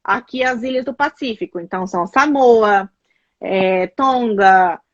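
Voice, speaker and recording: A Brazilian woman with a Brazilian Portuguese accent chats casually as a guest, telling animated stories packed with fillers. Her voice is medium-pitched and unhurried, and the audio is dull with no room sound.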